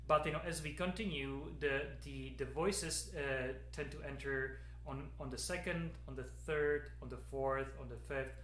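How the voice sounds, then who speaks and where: A man, a piano professor giving a casual spoken introduction to a piece, talking haltingly with many fillers and repeated words over a webcam in his studio. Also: medium pitch, fairly bright tone, roomy sound, a little hiss or hum. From Czech Republic. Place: piano studio at a university, indoors. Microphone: webcam at desk, video call.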